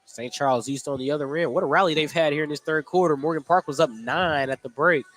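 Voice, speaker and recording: A fast-talking man with a fairly bright, somewhat high voice calls live basketball play-by-play as a sports announcer. He's in an indoor school basketball gym, and the recording carries the gym's noise.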